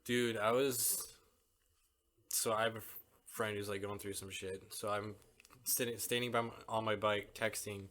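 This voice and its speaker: A man's voice: fairly low pitch, little pitch movement, normal speed, fairly bright tone. A young man co-hosting a casual podcast, telling rambling stories with plenty of filler. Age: young adult. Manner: rambling storyteller, drops into quoted voices. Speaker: podcast co-host. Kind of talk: casual chat.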